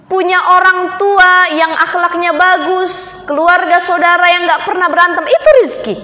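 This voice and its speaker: A woman's voice: very high voice, flat delivery, moderate pace, bright, forceful tone. A woman religious teacher, giving a chatty sermon to women in a mosque and often calling them "Bu". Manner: chatty, addresses audience as Bu. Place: mosque hall. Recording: echoey mosque hall.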